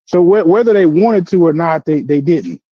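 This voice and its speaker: A man's voice: fairly high pitch, animated, normal speed, no room sound. A man in a casual panel discussion, speaking hesitantly and repeating words as he searches for them. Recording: dull, dry lo-fi sound.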